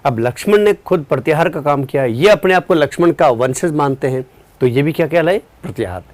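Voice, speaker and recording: A male teacher leads a live online exam-prep class, explaining at a relaxed, unhurried pace, quizzing students and replying to their chat. He sounds tired after a long day, and his voice is a little high.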